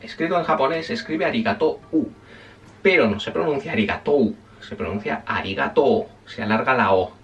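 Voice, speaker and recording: A man's voice: medium pitch, expressive, a little fast, a bit bright, recorded from a distance, a little hiss or hum. A man teaching a casual spoken language lesson, chatty and self-correcting, often checking in with his listeners.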